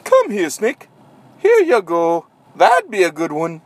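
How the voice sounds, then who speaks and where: An eccentric, curious traveller speaks gently, with a whimsical, softly amused lilt, as a man acts him out. His voice is soft and unhurried, a little higher than most men's, in a homemade storybook reading. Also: wildly swooping pitch, dry recording, exaggerated voice. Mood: playful.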